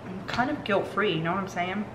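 A woman's voice: mid-range voice, a little fast. A woman, chatting upbeat in a casual family vlog. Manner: chatty, upbeat, says "y'all". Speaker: family vlogger, mother. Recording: echoey with loud outdoor noise.

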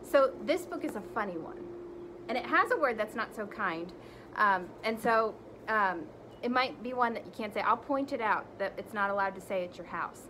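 A woman teacher gently explaining a lesson to young children, pausing often with ums. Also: mid-range voice, animated, noisy background.

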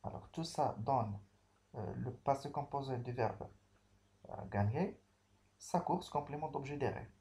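A man teaching a grammar lesson at a very unhurried pace. He works through each example step by step, pausing on fillers and spelling out endings letter by letter. His pitch sits in an ordinary middle range. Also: darkish tone. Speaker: French teacher.

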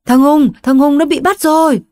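A woman voicing a frantic older mother who pleads in a high, tearful voice. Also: moderate pace, warm tone, no room sound, studio quality, natural voice. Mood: desperate pleading.

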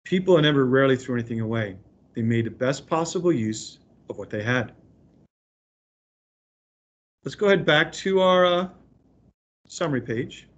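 Here he speaks briskly and expressively at a medium pitch, though the audio is dull. He's acting as an elementary school teacher who reads to a remote group of kids and explains with encouragement.

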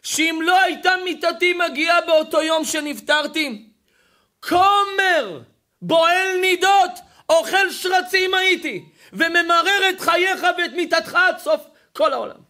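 A man voicing a dead son shouting his plea. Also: very high-pitched. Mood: pleading. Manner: shouting, drawn-out pleading. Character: dead young man pleading with his father.

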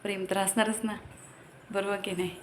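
A woman's voice: medium pitch, flat delivery, a little fast, slight background noise. A young woman from Maharashtra, a mother of two, chatting casually to her viewers at home and scolding her kids in between. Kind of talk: casual family vlog chat to viewers. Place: home with a gallery.

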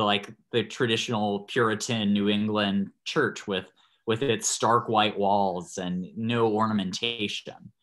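A man's voice: on the low side, fairly bright tone. A man, a priest, giving a thoughtful parish class over a video call, loosely phrased with many restarts. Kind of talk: online parish talk.

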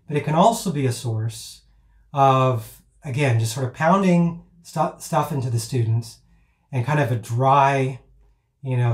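A man teaching piano in a loose, rambling way, with many fillers and restarts, now and then chanting counts aloud. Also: medium pitch. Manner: chants counts and rhythm words aloud as demonstrations. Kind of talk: informal teaching talk. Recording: roomy echo.

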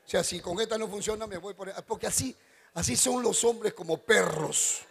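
A middle-aged man, a pastor preaching a joking wedding sermon as an animated storyteller who bursts into shouts. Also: sits high, brisk, gravelly. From Ecuador.

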